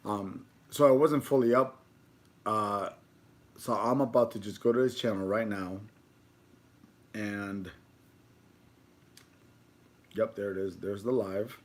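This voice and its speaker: A man's voice: fairly low pitch, fairly even intonation, slow pace, long pauses. A man chatting informally on a food livestream, rambling along with casual slang. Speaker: food video creator.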